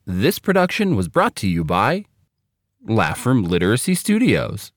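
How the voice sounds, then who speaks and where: A male storyteller reading a children's tale aloud at an unhurried pace. His pitch rises and falls freely as he brings the words to life. The sound is dry and close, with no room around it. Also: dry recording, soft background music. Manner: expressive, deliberate read-aloud delivery. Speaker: author and narrator.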